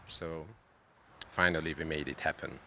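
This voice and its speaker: A man's voice: extremely low pitch, steady tone, normal speed, bright, forceful tone, slight background noise. A man from Hungary, answering interview questions about a public art project, hesitating often with fillers. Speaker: interviewee, solar art creator.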